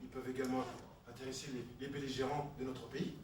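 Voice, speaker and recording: A man's voice: medium pitch, little pitch movement, quick pace, slight background noise, natural voice. A man playing a citizen who argues back with the Republic in a comedy sketch. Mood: arguing. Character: argumentative male citizen challenging the Republic. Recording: heavy room echo from far off.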